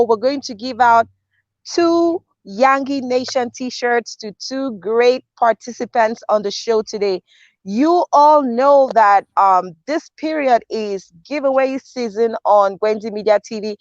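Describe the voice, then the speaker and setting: A woman's voice: a little high, no echo, dull audio. A woman hosting an online talk show, cheerfully greeting viewers and asking her guest questions. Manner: upbeat, addresses viewers directly. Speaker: show host.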